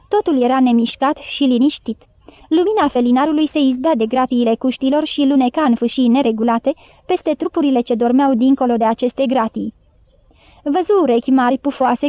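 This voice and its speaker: A woman narrating an audiobook with steady, even storybook reading. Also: sits high, no echo. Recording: dry, phone-like narrow sound.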